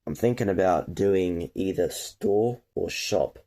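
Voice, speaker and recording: A teenage boy vlogs casually to his viewers, narrating how his new online business is progressing. His male voice is low, mellow and slow-paced.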